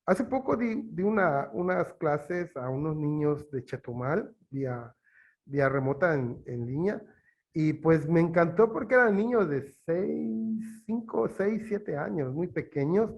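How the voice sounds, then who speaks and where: Man, Yucatán Spanish accent, teacher, slightly high voice, unhurried, hesitant fillers. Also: lively intonation, gravelly, highs cut off. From Yucatán, Mexico. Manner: slow, halting, with many fillers. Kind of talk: explaining in an interview.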